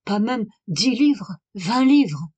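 Woman reading a fevered, obsessed gentleman scholar. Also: a little high, very animated, takes it slowly, husky, no echo, exaggerated voice. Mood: insistent. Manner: urgent, exalted speech. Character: aristocratic male scholar, obsessed and feverishly passionate.

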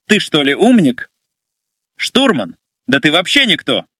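A man's voice: a little high, huge pitch swings, measured pace, bright, forceful tone, no echo, studio quality, heavily acted. A man reading as a sneering drunk young man. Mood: taunting. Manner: sneering, taunting. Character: drunk arrogant young man mutinying on a yacht. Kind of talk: audio story narration.

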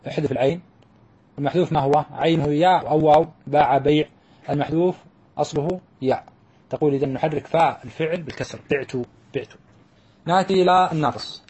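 A man's voice: on the high side, darkish tone, husky. A man teaching a grammar lesson, explaining step by step and drawing out the example words.

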